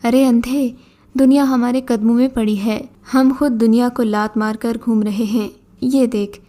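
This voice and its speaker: A scornful old jinn in a beggar's guise, mocking and bossy, as a woman storyteller reads him. The voice sits fairly high and mellow. It sounds like a storybook being read aloud. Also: fairly even intonation, natural voice. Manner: scornful, commanding.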